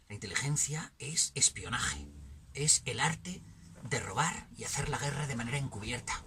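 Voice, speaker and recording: A man with a Spanish accent from Spain, delivering a philosophical monologue that swings from emphatic bursts to hushed near-whispers. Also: mid-range voice, a little hiss or hum. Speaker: channel host.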